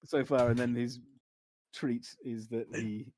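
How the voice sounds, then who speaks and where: A man's voice: medium pitch, little pitch movement, measured pace, warm tone, no echo. A man with a modern British accent, broadly RP, talking casually as a co-host of a live draw stream. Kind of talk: casual group chat.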